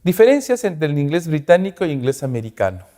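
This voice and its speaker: A man's voice: a little high, very animated, mellow, big-room sound. A male English teacher with a Peruvian Spanish accent gives a class lecture, repeating rules and checking in with "¿ok?" after each point. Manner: checks in constantly with "¿ok?" and "¿ya?"; repeats rules and slows down to read English aloud.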